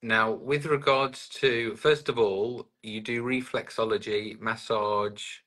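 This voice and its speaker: A man's voice: medium pitch, steady tone, slow pace, a bit bright. A man in his forties hosting a casual video-call chat from home, friendly and prompting his guest with jokes. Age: 40s. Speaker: host, weight-loss coach. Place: home room with lamp, indoors. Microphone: webcam framing, head and shoulders.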